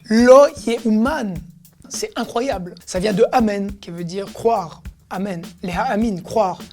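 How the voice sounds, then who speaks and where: A woman's voice: medium pitch, a little slow, warm tone, soft background music. A woman teaching everyday expressions in a casual lesson, explaining each word and acting out how it is said. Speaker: Hebrew teacher.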